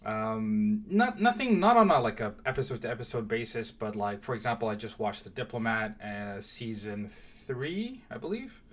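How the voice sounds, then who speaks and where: A man's voice: fairly low pitch, very animated, normal speed, hardly any pauses, a bit bright. Hesitant young man vlogging casually. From Mauritius. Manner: hesitant, many fillers and restarts. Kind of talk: casual direct-to-camera intro.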